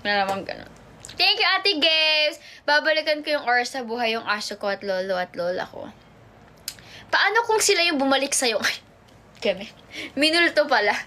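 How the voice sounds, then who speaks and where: A young woman with a high, bright voice chats on a phone livestream from home. She reads out viewer comments and drifts between two languages as she goes. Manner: chatty, switches between Tagalog and English, reads viewer comments aloud. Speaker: idol livestreamer. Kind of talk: casual livestream chat reading comments.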